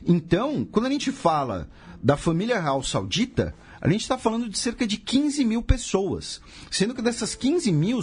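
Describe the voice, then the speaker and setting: A man's voice: fairly high pitch, a little mellow, husky. A man with a Brazilian Portuguese accent, hosting a podcast and explaining history in a casual way, full of rhetorical questions and sarcastic asides.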